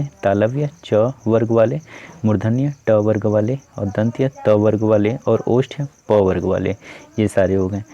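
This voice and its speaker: A man's voice: fairly low pitch, warm tone. A man teaching grammar for exam preparation, explaining step by step and repeating key terms, often saying "ठीक है" and "अ". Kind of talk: exam-prep grammar lesson. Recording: dull lo-fi recording.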